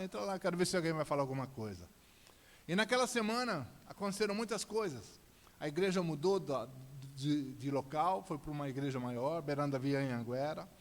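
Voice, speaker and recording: Fast, animated São man testifying. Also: a little high. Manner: animated storyteller acting out dialogue. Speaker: church guest giving testimony. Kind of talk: personal testimony in church. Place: church hall. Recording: reverberant church hall.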